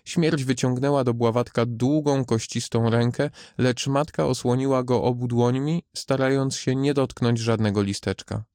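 A father reading a fairy tale aloud in a steady, unhurried manner. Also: mid-range voice, no room sound, clean studio sound. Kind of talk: storybook narration.

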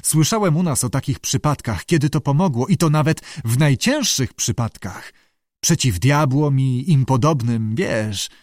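A man's voice: mid-range voice, lively intonation, a little mellow, no room sound, studio quality, natural voice. A man voicing a small, gossipy male Irish sailor in an audiobook, talking in a wheedling, conspiratorial way. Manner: wheedling, conspiratorial, quick to back down. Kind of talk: audiobook character voice.

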